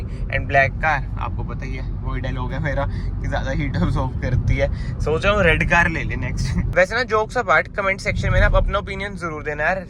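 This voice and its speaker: Excited young guy vlogging about cars on his phone, bit of car noise behind. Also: medium pitch. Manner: chatty, excitable, teasing, says "bhai" a lot. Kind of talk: casual vlog talk, Hindi-English mix. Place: inside a car and outdoors in a parking lot. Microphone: phone camera.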